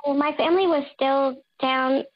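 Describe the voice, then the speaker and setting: High woman's voice through a voice changer. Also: fairly even intonation, moderate pace. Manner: nervous, hesitant, filler-heavy storytelling. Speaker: anonymous caller confessing. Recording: dull lo-fi disguised line.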